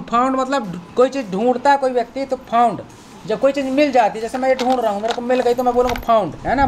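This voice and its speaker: A man with a very high-pitched voice leads a children's vocabulary lesson over a faint hiss or hum. He's patient throughout, going over words again, spelling them by letter, and asking whether they're understood.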